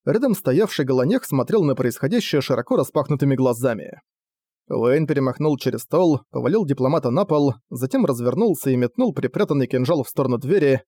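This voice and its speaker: A man's voice: medium pitch, warm tone, no room sound. A man narrating an audiobook dramatically and expressively, close to a studio mic. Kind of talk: audiobook reading.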